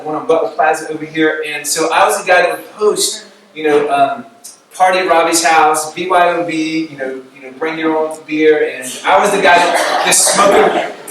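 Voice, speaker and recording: A man in his thirties, a pastor, telling his conversion story to a student group in animated, laughing sermon storytelling. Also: high voice, distant mic. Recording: echoey room recorded from afar, noisy.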